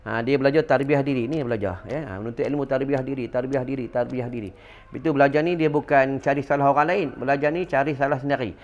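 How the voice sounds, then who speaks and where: A middle-aged Malaysian man giving a religious lecture to an audience, telling stories with lively call-and-response asides. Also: medium pitch, fast, highs cut off. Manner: animated storytelling with call-and-response fillers. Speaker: religious teacher.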